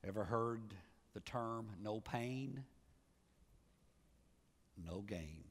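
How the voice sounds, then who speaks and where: A pastor preaching a sermon, swinging from loud rising calls to low, quiet endings. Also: male voice, extremely slow. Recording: church sermon with long reverb.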